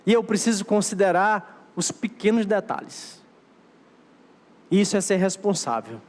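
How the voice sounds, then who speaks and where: A man's voice: high-pitched, big pitch swings, a little slow. A Brazilian Portuguese-speaking man preaching a sermon as pastor, exhorting his church in a repeating, emphatic cadence. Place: church sanctuary. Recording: long hall reverb of a church.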